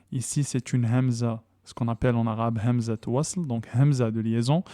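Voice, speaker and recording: A man gives a patient tajwid lesson, reciting and explaining pronunciation step by step. His voice is mellow and of middle pitch, and he repeats sounds slowly with emphasis. The recording is dry and close, with no room sound. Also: clear, resonant tone, dry recording. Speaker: Quran recitation teacher.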